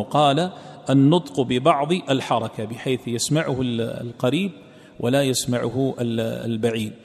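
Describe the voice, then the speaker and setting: A man giving a lesson, explaining step by step, repeating key phrases and slowing down to recite examples. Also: medium pitch, gravelly, a little mellow. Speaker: teacher. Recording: long reverb, echoey room.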